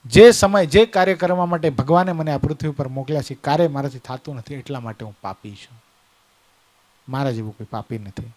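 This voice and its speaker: A man's voice: on the high side, brisk, pitched below the performer's own voice, natural voice. A man voicing two remorseful young twin men who speak humbly as one. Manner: soft, pleading.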